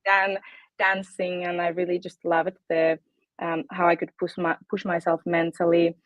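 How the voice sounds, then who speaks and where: In a dry, lo-fi recording, a woman with a lowish voice talks at a moderate pace with flat delivery. She's from Finland, in her late twenties, and has a Finnish accent; as a guest fitness coach in a casual interview, she comes across bubbly, with frequent ums and laughs.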